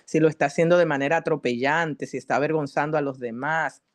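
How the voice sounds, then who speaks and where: A woman psychologist giving a teaching talk at a church, addressing the congregation directly and asking them questions in a lively, earnest way. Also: low-pitched, fast talker. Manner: lively, earnest preaching delivery.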